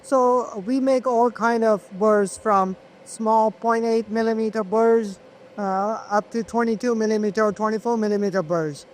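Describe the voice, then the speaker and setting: A man being interviewed as a manufacturer, explaining products conversationally in a halting way, with repeated words. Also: high voice, fairly even intonation, poor audio. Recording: clear ambient noise on location.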